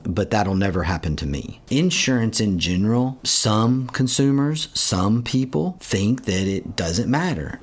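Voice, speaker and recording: A man co-hosting a business podcast, talking in an emphatic, playful, slightly preachy way. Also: lowish voice. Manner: emphatic, preachy about insurance, playful jokes. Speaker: podcast co-host. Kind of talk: casual podcast chat.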